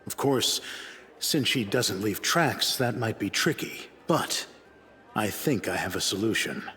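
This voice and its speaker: The voice is male, deep and dignified, as an actor portrays a proud, cool-headed mercenary assassin in a fantasy video game. He sounds confident, speaking formally with measured condescension in an expressive, pushed, bright tone, with a long reverb tail and soft background music.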